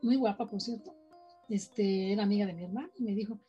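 A woman's voice: medium pitch, fairly even intonation, fairly quick, mellow, breathy edge, muffled recording, faint music behind. A woman with a Mexican accent telling a personal story in casual chat, animatedly acting out the voices of people she quotes. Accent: Mexican Spanish. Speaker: podcast guest sharing paranormal experiences.

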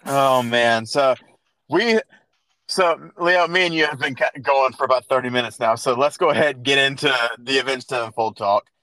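A man's voice: mid-range voice, moderate pace, bright, forceful tone, no room sound, poor audio. A man in his thirties hosting a casual podcast, telling a long story with restarts and fillers. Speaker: podcast host. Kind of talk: casual chat.

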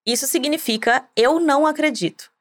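A woman hosting a scripted language lesson, explaining clearly and encouraging the listener to repeat after her. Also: high voice, normal speed. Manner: clear, encouraging, drilling repetition. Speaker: language teacher host.

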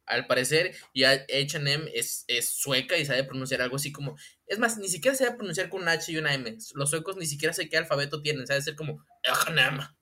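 A man's voice: on the high side, fairly quick, few pauses. A man with a Mexican accent co-hosting a casual comedy chat, swearing and laughing often. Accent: Mexican Spanish. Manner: animated, profane, laughing often. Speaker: podcast co-host.

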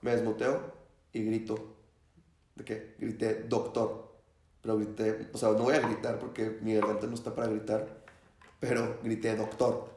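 A man's voice: lowish voice, normal speed, reverberant. A young man, a student, telling a story in casual chat and acting out the quotes. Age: young adult. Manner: animated storyteller, acts out shouts and quotes.

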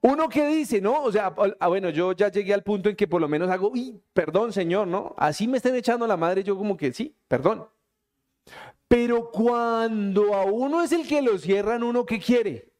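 A man preaches from the pulpit. He keeps it light and teasing, acting out quick everyday scenes in put-on voices. He speaks to a church congregation. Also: sits high, animated, darkish tone. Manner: playful, acts out little scenes in quick quoted voices. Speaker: pastor. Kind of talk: lively sermon.

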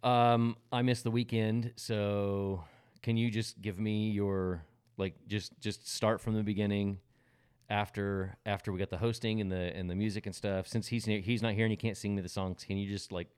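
A man's voice: on the low side, little pitch movement, moderate pace, a little mellow, clear, resonant tone. A man hosting a casual podcast chat through a face mask that slightly muffles him, joking at his own expense while tired from recovering from covid. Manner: self-deprecating, joking. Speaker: podcast host.

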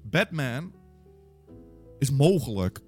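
A man's voice: medium pitch, sing-song, slow, breathy edge, soft background music. A man co-hosting a casual podcast chat, teasing his co-host and ranting with frequent swearing.

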